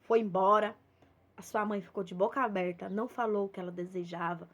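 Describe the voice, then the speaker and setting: A woman's voice: mid-range voice, steady tone, brisk, dull audio. A young adult woman with a Minas Gerais accent, giving an informal devotional talk, telling a homely story and acting out bits of dialogue. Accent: Minas Gerais Portuguese. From Minas Gerais, Brazil. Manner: conversational, storytelling with acted dialogue. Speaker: preacher.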